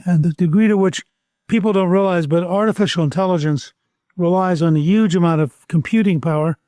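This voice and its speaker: An older man hosting an interview podcast, asking questions in a measured, complimentary way. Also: high-pitched, mellow, no echo, studio quality. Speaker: podcast host. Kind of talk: interview talk.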